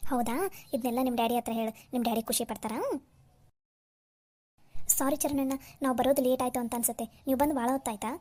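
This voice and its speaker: A woman voicing a kind young woman in a cartoon, who speaks in a brisk, reassuring way. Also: fairly high pitch, steady tone, a little mellow, close to an everyday voice. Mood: friendly. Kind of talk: Kannada cartoon voice acting.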